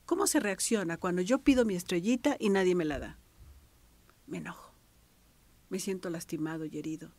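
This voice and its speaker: A middle-aged Mexican woman, a thanatologist, teaching a radio workshop, swinging between soft whispered asides and bright exclamations. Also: lowish voice, a little fast, pauses often, no room sound. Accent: Mexican Spanish.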